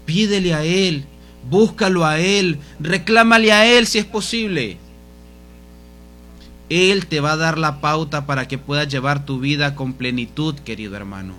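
A man with a voice on the high side preaches a fervent, pleading sermon. Each time he addresses the congregation, his voice drops soft.

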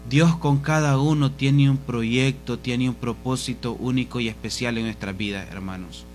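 A man preaching a sermon in a fervent, pleading way, his voice dropping soft each time he addresses the congregation. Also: mid-range voice, steady tone, moderate pace, faint music behind.

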